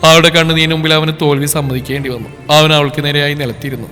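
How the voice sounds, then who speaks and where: A man narrating a scripted story in a dramatic, even storytelling manner, with a long reverb and faint music. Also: on the high side, fast.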